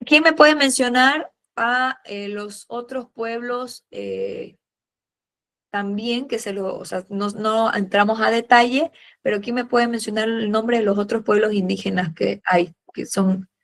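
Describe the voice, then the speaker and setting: A woman teaching a history class, patiently calling on students and filling pauses with "eh" and "a ver". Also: on the high side, a bit bright. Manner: patient, fills pauses with "eh" and "a ver", uses diminutives. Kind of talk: classroom lesson, questioning students.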